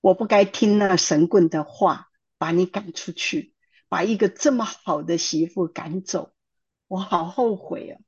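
A woman's voice: on the low side, unhurried, darkish tone, slightly rough. A woman voicing an older mother-in-law who apologizes and pleads with tearful remorse, on a dull lo-fi recording. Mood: remorseful pleading.

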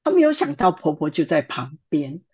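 A middle-aged woman, a church counselor telling a testimony in lively sermon-style storytelling, with fillers and acted quotes. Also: low-pitched, normal speed, breathy edge. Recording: dull lo-fi recording.

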